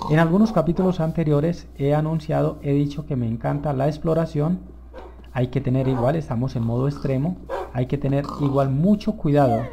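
A young man talks his viewers through a survival game with a gravelly, fry-laden voice that sits fairly high for a man. His tone is dark and mellow, yet he keeps breaking into excited exclamations. A faint hiss of background noise sits under his words. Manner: enthusiastic, easily excited, addresses viewers as "señores". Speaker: gameplay video host. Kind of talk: live gameplay commentary.

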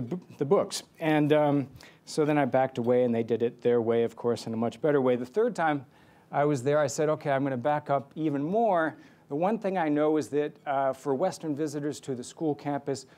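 A man's voice: medium pitch, warm tone. Man telling a wry story at a lectern. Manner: self-deprecating storytelling at a lectern. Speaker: keynote speaker. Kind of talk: conference keynote speech. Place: large conference hall stage. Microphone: lectern microphone.

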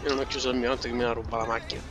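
A man's voice: medium pitch, racing. A man casually commenting on his gameplay, joking and talking back to the characters on screen. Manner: joking, talks to the game characters, lively exclamations. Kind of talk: casual let's play commentary. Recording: game music loud behind. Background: loud game music and vehicle sounds.

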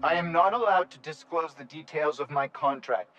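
A man voicing a weary robot security guard in a video game, speaking in a slightly robotic, flat and unenthusiastic way as he recites company rules. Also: fairly high pitch, normal speed, highs cut off, faint music behind, close to an everyday voice. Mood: officious. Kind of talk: video game character dialogue.

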